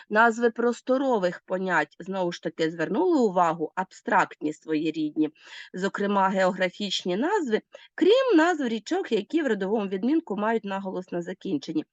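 Woman teacher, Ukrainian accent, lively schoolroom delivery, lo-fi with no room sound. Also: mid-range voice, dry recording. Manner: lists word forms one by one, stressing endings; addresses pupils directly with instructions. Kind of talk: recorded grammar lesson.

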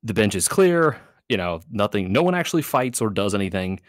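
A man with a very deep voice hosts a casual podcast chat. He rambles through stories in a loose, easygoing way, full of fillers. The sound is dry and close. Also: sing-song, a little fast, no echo. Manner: rambling, laid-back storytelling with fillers and laughs. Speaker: podcast host.

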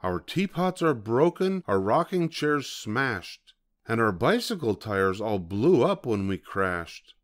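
A man voicing a tiny, anxious, excitable mayor of miniature folk in a children's storybook, pleading in rhyme. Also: medium pitch, slow pace. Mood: distressed, pleading. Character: tiny anxious male mayor of a speck-sized people.

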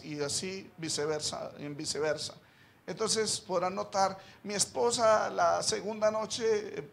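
A man who is a missionary pastor giving a sermon testimony, rising from quiet confiding talk to loud fervent preaching with frequent amens, in a church. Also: high voice, vocal fry, slight background noise. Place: church sanctuary.

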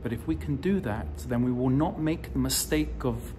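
A man in his forties giving a recorded sermon as a rabbi, telling the story slowly with emphatic rises, filmed close up on a phone indoors. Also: medium pitch, mellow, a little hiss or hum. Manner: slow, deliberate storytelling delivery with emphatic rises. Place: indoors in front of a decorative wall. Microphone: phone or camera close to the face, selfie framing.

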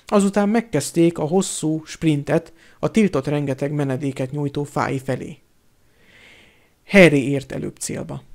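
A man narrating an audiobook in a steady storytelling manner. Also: fairly high pitch, creaky. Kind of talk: audiobook reading.

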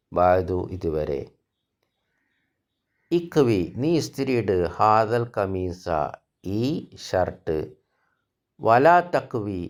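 A man teaches an Arabic grammar lesson in a deep, low voice with a gravelly edge. He speaks slowly, reading each Arabic phrase and then explaining it in his own language. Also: a little mellow. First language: Malayalam.

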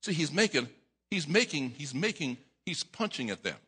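Middle-aged male pastor, husky and sharp voice, dramatic sermon delivery, long church-hall reverb. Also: on the high side, sing-song, normal speed. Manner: dramatic preaching, acting out voices, stammering repeats, rising to shouts. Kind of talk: preaching a sermon. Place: church sanctuary at a lectern.

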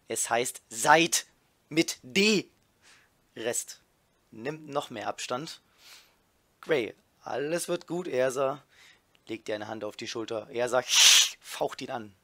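Guy reading fanfic with snarky comments, deadpan, mid pitch, dry close mic. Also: no echo. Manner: reads character names as tags before lines, dry deadpan delivery. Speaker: reader of a fanfiction riff.

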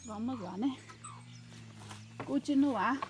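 A woman vlogger speaks slowly as she films her farm chores on a handheld phone in the pigsty and yard. Chatty and casual, she calls to the animals in a high sing-song voice, and the recording is very noisy.

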